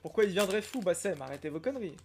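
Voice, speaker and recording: A young man chatting casually on a live stream while opening trading card packs, reacting with excitement and greeting viewers by name. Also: high voice, rapid-fire, slight background noise. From Algeria. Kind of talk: casual live-stream chat reading comments.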